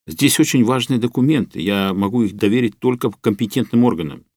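A man's voice: on the low side, expressive, a little fast, a little mellow, no echo, studio quality. A man voicing a rigid, indignant Soviet party delegate with an officious, bureaucratic way of speaking.

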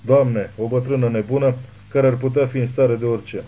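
A man voicing a frightened young mother who tries to keep her voice calm in an audiobook. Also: mid-range voice, lo-fi sound, lightly acted. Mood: pleading. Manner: tense, trying to stay calm.

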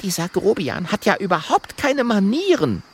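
A man's voice: high voice, lively intonation, unhurried, creaky, fairly bright tone, a little hiss or hum, pitched above the performer's own voice, full character voice. A man voicing an indignant, prim little female porcupine.

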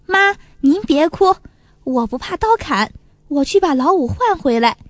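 A woman voicing a brave young brother, gentle, reassuring, high voice. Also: expressive, unhurried, no echo. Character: brave, calm young brother who cannot be cut.

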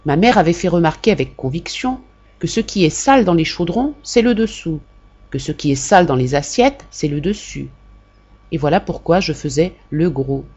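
A woman narrating an audiobook in a measured, expressive reading. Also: lowish voice, breathy edge, highs cut off. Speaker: audiobook reader. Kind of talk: scripted narration.

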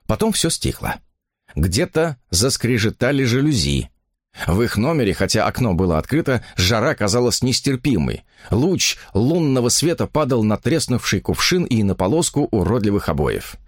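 A male narrator reads a literary novel aloud with expressive, animated delivery. His pitch rises and falls widely, and the sound is dry and close to a studio mic. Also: normal speed, dry recording. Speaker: audiobook narrator.

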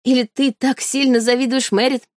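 A woman's voice: sits high, level tone, moderate pace, darkish tone, no room sound, studio quality, pitched above the performer's own voice, natural voice. A woman voicing an angry young nobleman who turns on his sister with spite and scorn, in a read-aloud story. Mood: furious. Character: furious young nobleman, hateful, menacing brother.

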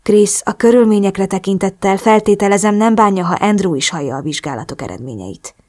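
A woman reading a brisk, caring woman doctor in an audiobook, firm and reassuring. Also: medium pitch, lively intonation, darkish tone, close to an everyday voice.

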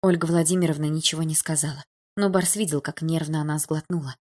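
A woman narrating a dramatic audiobook in a steady, subdued storytelling manner. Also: deep voice, fast talker.

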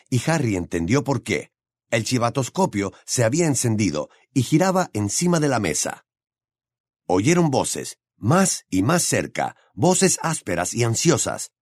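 A man narrating a fantasy novel as an audiobook, in an expressive storytelling manner. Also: mid-range voice, no room sound, studio quality.

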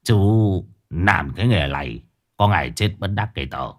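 A man's voice: deep voice, lively intonation, measured pace, pitched below the performer's own voice. A man voicing a boastful, scheming old village con man who squeals and whines when he gets caught. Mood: grumbling. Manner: bragging, then squealing and whining when caught.

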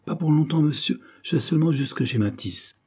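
A man's voice: a little high, lively intonation, brisk, gravelly, darkish tone, husky, voice pushed up, exaggerated voice. A man doing William, an earnest proud young clerk. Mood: polite.

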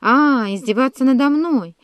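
A woman reading an audiobook, voicing a furious young king who shouts in a raised, strained voice. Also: high-pitched, normal speed, clean tone, no echo, studio quality, pitched above the performer's own voice, lightly acted. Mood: enraged.

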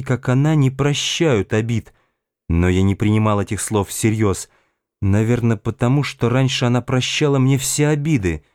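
Calm low-voiced male audiobook narrator. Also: no echo, studio quality. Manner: measured, calm literary reading.

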